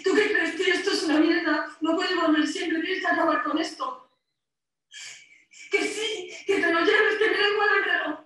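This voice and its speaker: A woman's voice: extremely high pitch, steady tone, normal speed, bright, forceful tone. An actress with a Spain Spanish accent playing a harassed woman who argues tensely with her ex over the intercom, pleading and exasperated. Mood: weary. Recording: echoey distant playback in a hall.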